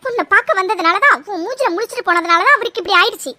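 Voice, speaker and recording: A woman's voice: extremely high pitch, expressive, racing. A woman doing a spiteful jealous young woman. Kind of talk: cartoon voice acting.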